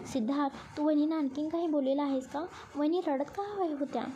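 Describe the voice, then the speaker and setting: A patient young man in a storybook who talks sense into his friend, voiced by a woman. His lines come out steady and reasoning in a high, warm-toned voice with faint hiss. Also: fast talker, dull audio, close to an everyday voice. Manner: reasoning, advising gently.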